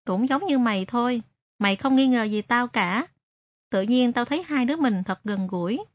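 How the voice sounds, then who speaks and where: A woman's voice: a little high, moderate pace, dry recording, close to an everyday voice. A woman voicing a loyal, tearful homeless teenage boy who shines shoes, reading his letter earnestly. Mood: warm. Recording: dry, slightly muffled recording.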